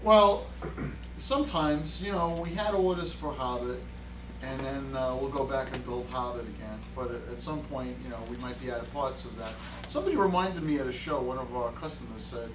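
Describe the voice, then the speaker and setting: A man's voice: mid-range voice, normal speed. A man with a Brooklyn accent answers audience questions casually, in a joking, plain-spoken way. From Brooklyn, New York. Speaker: pinball company executive answering audience questions. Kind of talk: casual Q&A talk to a live audience. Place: crowded room at an arcade expo. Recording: roomy, distant mic, noisy room.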